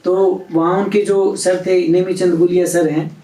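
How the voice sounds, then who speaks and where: High-voiced man telling a story. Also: unhurried. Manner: animated storyteller acting out quoted dialogue. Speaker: interview guest. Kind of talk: storytelling in an interview. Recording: roomy, distant from the mic.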